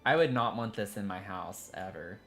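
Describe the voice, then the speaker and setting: Southern-accented streamer, lowish voice. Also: male voice, moderate pace, a bit bright, soft background music. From Tennessee, US. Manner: rambling, self-interrupting, chatty with viewers. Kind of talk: casual live-stream chat while building in a game.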